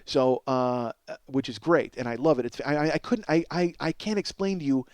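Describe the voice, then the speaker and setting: A middle-aged comedy podcaster with a medium pitch speaks at a moderate pace through an excitable, wandering monologue, cursing, ribbing himself and stuttering over repeated words. The studio sound is clean with no echo.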